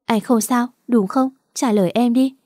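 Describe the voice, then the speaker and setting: A woman's voice: fairly high pitch, fairly even intonation, normal speed, dark tone, dry recording, clean studio sound, lightly acted. A woman voicing a grief-stricken young woman who pleads tearfully with her lover. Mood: trembling.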